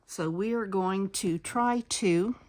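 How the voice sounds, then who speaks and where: A woman's voice: mid-range voice, takes it slowly, darkish tone. A woman giving a hands-on sewing tutorial, explaining each step as she goes, with sewing machine noise behind her. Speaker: sewing instructor. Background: sewing machine noise and clicks.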